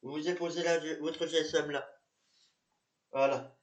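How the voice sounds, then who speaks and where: A man with a fairly high voice narrates and plays a police officer in an amateur reenactment. He speaks hesitantly, repeating himself and using many fillers. The room around him sounds echoey. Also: steady tone, measured pace.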